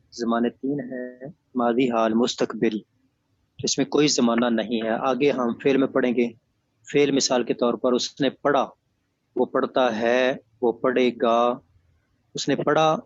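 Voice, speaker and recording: A man's voice: mid-range voice, no room sound. A man teaching an online class, firm and methodical, explaining by repeating examples over dull lo-fi audio.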